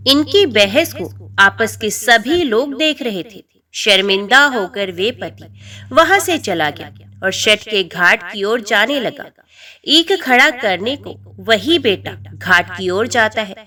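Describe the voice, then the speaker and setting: A woman narrating a devotional folk tale in an expressive, dramatic way. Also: mid-range voice, slow. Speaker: storyteller.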